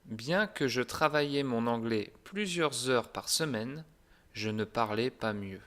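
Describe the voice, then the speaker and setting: A man teaching a language lesson in a calm, deliberate, clearly articulated way. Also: medium pitch. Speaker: French teacher.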